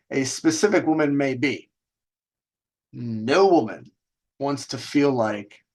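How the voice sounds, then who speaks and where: A man with a husky, mid-range voice hosts a dating advice show, telling stories casually in a brash, emphatic style. He draws out stressed words and tosses in rhetorical questions during his storytelling monologue, which offers advice to viewers.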